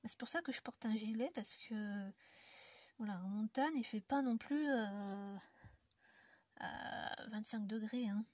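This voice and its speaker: A woman's voice: on the high side, unhurried, a little mellow, dry recording. A woman from France chatting casually to her viewers while colouring, rambling with many fillers and often dropping to a near-whisper. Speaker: YouTuber colouring on camera. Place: indoor room in the mountains.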